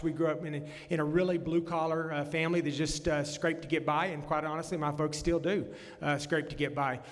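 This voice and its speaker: Fast-talking Texan man in an echoey hall. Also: a little high. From Texas Panhandle. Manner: folksy, frequent "uh" fillers and restarts. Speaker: congressional candidate. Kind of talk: campaign stump speech. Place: meeting room at a candidate forum. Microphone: handheld or podium mic. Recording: long hall reverb from a room PA.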